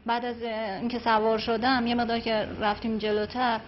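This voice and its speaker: A woman recounting her own experience slowly and flatly. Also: a little high, muffled recording, slight background noise. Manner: slow, flat recounting. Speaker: victim giving testimony. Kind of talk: personal account.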